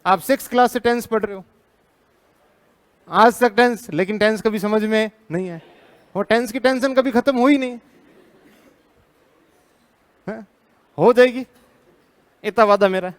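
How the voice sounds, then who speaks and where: A man's voice: high-pitched, a little slow, long pauses. An Indian man teaching a live class, drilling students with repeated questions, firm and teasing.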